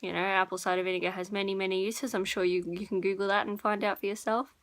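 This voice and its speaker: Chatting informally with her audience, a young beauty and lifestyle vlogger speaks at a quick pace in a medium-pitched, level, fairly bright voice. She wanders a little and keeps correcting herself.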